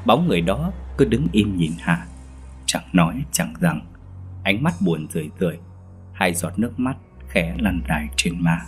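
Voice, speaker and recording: A man narrating a horror story in a steady, measured way, with faint music behind. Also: sits low.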